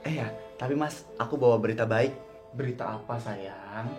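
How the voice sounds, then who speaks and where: A man voicing a scheming stepmother who speaks sweetly and softly to her husband. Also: mid-range voice, normal speed, over music, close to an everyday voice. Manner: sugary, ingratiating.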